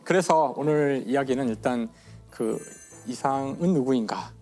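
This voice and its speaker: A man in his fifties, a physics professor on a TV talk show, telling a story in a lecture style and slowing down for dramatic emphasis. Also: medium pitch, a little mellow, soft background music. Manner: enthusiastic, slows down for dramatic emphasis. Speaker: physics professor guest speaker.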